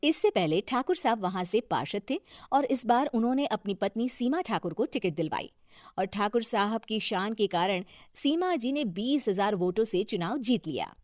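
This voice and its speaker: A woman narrates a scripted moral story as its storyteller. Her pitch is average for a woman. The recording is close and dry, with no room sound. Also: lively intonation, moderate pace, a little mellow, no echo.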